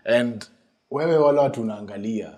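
A man in his thirties with a Kenyan accent, a guest actor chatting relaxed in a small studio, switching between English and Sheng and laughing often. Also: mid-range voice, normal speed. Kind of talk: casual interview chat. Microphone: studio mic on boom arm.

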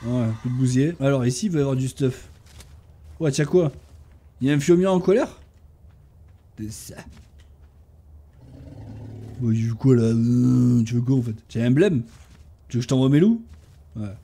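Excitable man voicing his gameplay. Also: medium pitch, moderate pace, long pauses. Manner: excitable, talks to his tamed animals, shouts and cheers in fights. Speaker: gaming YouTuber. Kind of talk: casual gameplay commentary.

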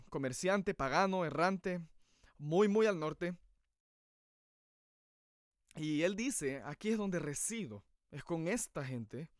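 A man's voice: a little high, clean tone, no echo, studio quality. A man preaching a sermon in an earnest, emphatic way.

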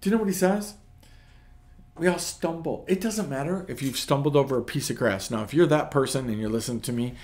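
A man giving a casual nightly devotional talk as a pastor. He talks conversationally, keeps asking "right?", and swings between loud emphasis and hushed lines. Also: on the high side. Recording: echoey room.

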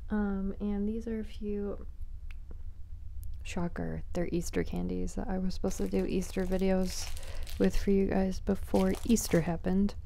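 Girl soft spoken asmr chat, slow and gravelly, rambly and whispery. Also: medium pitch, little pitch movement. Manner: rambling, whispery, chatty, giggly. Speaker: ASMR creator. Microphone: small close microphone.

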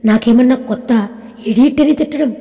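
A woman's voice: a little high, fairly quick, dark tone, natural voice. A woman voicing a joking young man. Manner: good-humoured, pleading, joking. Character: easygoing young man, joking best friend. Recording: echoey room with long reverb.

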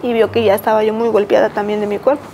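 A Mexican woman in her thirties, a podcast guest giving a personal testimony, talking haltingly with many fillers and restarts. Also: mid-range voice, level tone, dark tone, a little hiss or hum, rough recording. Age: 30s.

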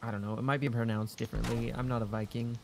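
A man's voice: mid-range voice, little pitch movement, quick pace, gravelly, darkish tone, slight background noise. A man chatting casually while playing a co-op survival game, joking and squealing when startled. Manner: goofy, laughs often, squeals when startled. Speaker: gaming channel host. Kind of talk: casual co-op gameplay chat.

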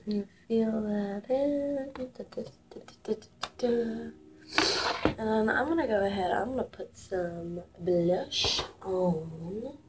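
A makeup vlogger in her twenties talks slowly in a medium-pitched voice, chatty, offhand and self-deprecating as she works through a tutorial while sniffly from a cold. She's recorded in a small room on a built-in webcam mic at arm's length, with a noisy background.

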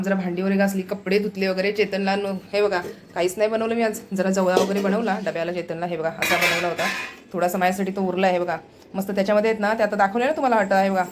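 A chatty woman from the Konkan talks quickly to her viewers, rambling and laughing often. Her phone recording carries clear background noise. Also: medium pitch. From Konkan, India. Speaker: vlogger. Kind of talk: casual home vlog talk.

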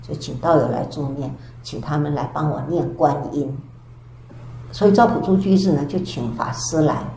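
An older woman, a Buddhist nun, giving a storytelling dharma lecture with drawn-out sentence particles. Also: low voice, warm tone. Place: temple lecture hall. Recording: echoey hall with faint background hiss.

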